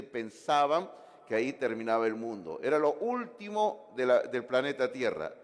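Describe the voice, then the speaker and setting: A man preaching a sermon as pastor, animated, with asides and jokes to the congregation. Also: medium pitch, long reverb tail. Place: church sanctuary.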